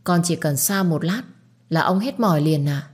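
A woman's voice: deep voice, moderate pace, breathy edge. A woman voicing a scheming young girl who talks in a sweet, wheedling way. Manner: sugary, wheedling.

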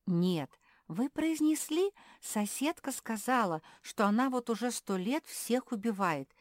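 A woman's voice: fairly high pitch, animated, measured pace, dry recording, studio quality, voice pushed up. A woman voicing an eager, easily offended young female cat in a children's audiobook. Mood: indignant.

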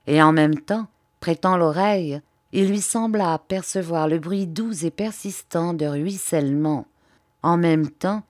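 A woman narrating an adventure audiobook in a steady, measured reading voice. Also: lowish voice, no room sound, clean studio sound. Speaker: audiobook reader. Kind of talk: scripted narration.

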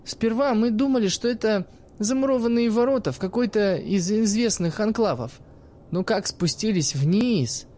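A man voicing a cheeky, quick-tempered young woman who mocks and swears freely in a raised, high-pitched voice. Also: darkish tone. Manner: cocky, mocking, swears freely.

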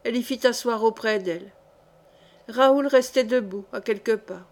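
A woman reading a historical novel aloud as an audiobook narrator, measured and expressive. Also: fairly high pitch. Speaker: audiobook reader. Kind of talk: scripted narration.

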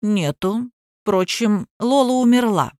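A woman reader voicing a terse, cold husband who answers in clipped, flat replies in an audiobook. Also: lowish voice, normal speed, no room sound, clean studio sound. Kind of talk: audiobook character voice.

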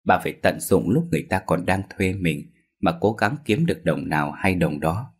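Deep husky male ghost-story narrator.

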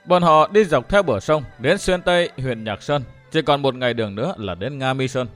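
A man narrating a story with an expressive, dramatic reading. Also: medium pitch, moderate pace, soft background music. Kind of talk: scripted narration.

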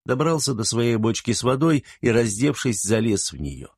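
A man narrating an audiobook in an even, measured reading. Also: medium pitch, slightly rough, dry recording, clean studio sound. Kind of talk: scripted narration.

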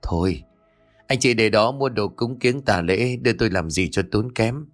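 A man doing a calm, firm exorcist. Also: lowish voice, faint music behind, natural voice. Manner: firm, measured, reassuring. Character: calm young male exorcist, firm and kindly.

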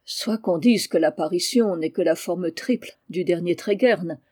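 A reader of an audiobook voicing a small, emphatic male lawyer who spins ghost lore in a mellow voice. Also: medium pitch, a little slow, husky. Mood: insinuating. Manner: emphatic, vague, teasing storyteller.

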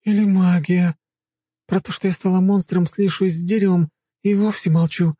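A dazed, worn-out woman who has just grown younger, as a male audiobook narrator puts her on, speaking in a high, strained voice. The tone stays very dark and mellow in spite of the height. The recording is close and dry. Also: little pitch movement, moderate pace, slightly rough, dry recording. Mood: weary wonder. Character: weary woman, suddenly made younger, dazed.

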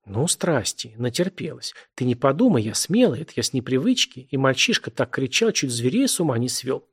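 A man voicing an excitable, chatty young woman in a read-aloud story, raising his pitch for her lines. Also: fairly quick, breathy edge. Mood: shaken.

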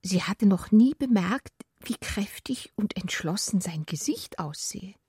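In a studio-quality, dry recording made on a close mic, a woman narrates a literary adaptation for radio. She reads the scripted prose in a mid-range voice that is breathy and often drops to a whisper, with intimate, expressive, carefully deliberate phrasing.

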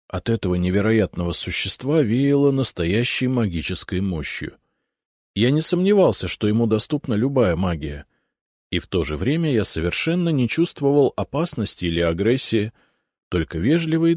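A man reading a first-person fantasy novel aloud, with a fairly low voice that moves expressively through wide pitch swings. The sound is dry and close, with no room echo. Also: sing-song, moderate pace, a little mellow. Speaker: audiobook narrator.

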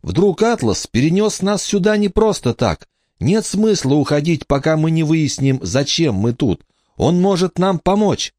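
A man voicing a stubborn, pleading young girl, the youngest of three siblings, in a high, insistent voice. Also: very animated, measured pace, a little mellow, no room sound, clean studio sound.

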